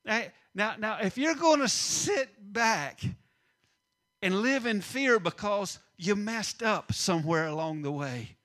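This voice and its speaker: A middle-aged man preaching a sermon, swinging between loud emphasis and hushed asides. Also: high voice, animated, takes it slowly. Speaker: pastor.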